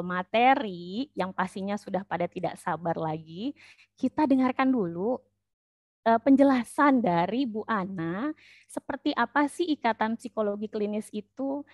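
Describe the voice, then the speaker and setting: A woman's voice: mid-range voice, no room sound. Polite upbeat woman moderating a webinar. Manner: polite, upbeat, with filler "eh" and "nah". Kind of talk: formal welcoming moderation. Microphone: video call. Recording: muffled dry video-call audio.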